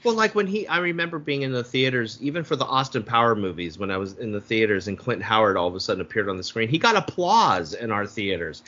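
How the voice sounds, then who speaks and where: Low, forceful man on lo-fi podcast audio. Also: lively intonation, quick pace, hardly any pauses. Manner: loose, profane, frequent restarts. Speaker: podcast co-host. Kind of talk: casual movie review chat.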